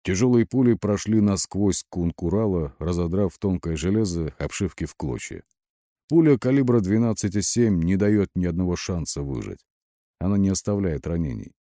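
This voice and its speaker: A man's voice: sits low, animated, normal speed, mellow, no echo, studio quality. A man reading a war audiobook with terse, gritty delivery. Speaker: audiobook narrator.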